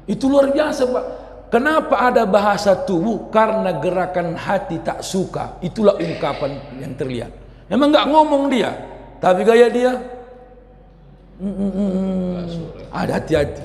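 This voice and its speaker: A man preaching a lively sermon, loud and forceful, dropping into quiet asides and teasing the audience with questions. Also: high voice, normal speed. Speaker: Islamic preacher. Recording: echoey hall reverb.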